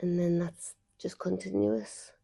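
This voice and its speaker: Casual female, partner recounting a story in bedroom chat, low-key mellow tone with some vocal fry. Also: level tone, unhurried.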